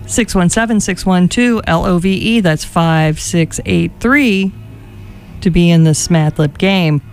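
A woman's voice: fairly low pitch, unhurried, darkish tone, faint music behind. A woman casually hosting a show and taking calls.

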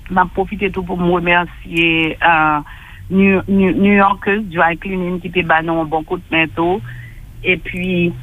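A man with a Haitian accent, speaking on a radio talk show over a telephone line, halting and often repeating himself as he restarts. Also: sits high, no room sound. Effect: heard over a telephone line. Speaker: guest reporting by phone. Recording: narrow tinny phone line.

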